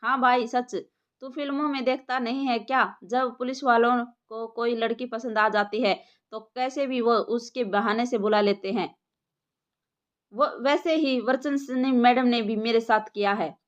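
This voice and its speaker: A woman playing a goofy village joker smitten with a policewoman, cheeky and flirty; fairly high voice, dull lo-fi sound. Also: fairly even intonation, moderate pace, close to an everyday voice. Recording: lo-fi muffled recording.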